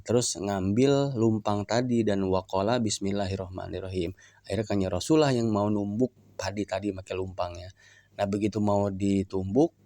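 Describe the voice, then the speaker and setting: During a shrine visit, a Sundanese-accented man gives a kitab reading lesson, putting the religious text into plain, folksy everyday language. His voice is lowish and dark, with no room sound in the recording.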